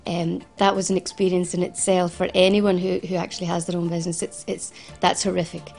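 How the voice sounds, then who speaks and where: This Glasgow woman in her forties, who founded a financial advice service, gives earnest interview testimony and keeps restarting and repeating her sentences. Her voice is lowish, flat, gravelly and somewhat dark, her pace a touch quick, with soft music behind her.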